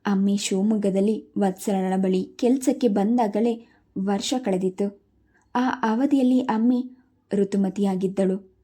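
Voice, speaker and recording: Dark-toned woman reading a story. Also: mid-range voice. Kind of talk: scripted story narration.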